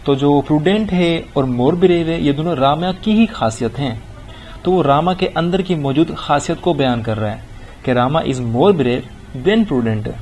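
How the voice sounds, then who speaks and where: A middle-aged man teaching an English grammar lesson, reading example sentences slowly and deliberately. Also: on the high side, darkish tone, slight background noise. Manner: explains in Urdu-leaning Hindi, reads English examples slowly and deliberately. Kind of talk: recorded grammar lecture.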